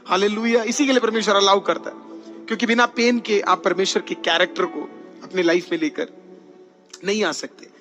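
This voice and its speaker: High, bright-voiced male pastor preaching. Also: steady tone, brisk, soft background music. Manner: preaching with frequent hallelujahs, mixing in English words. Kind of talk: sermon. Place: church.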